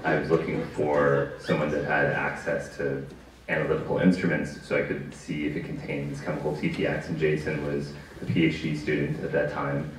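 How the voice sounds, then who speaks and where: A man speaking as a panel guest, telling a story in a measured, matter-of-fact way. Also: rumbling low, monotone, slight background noise. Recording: echoey room, far from the mic.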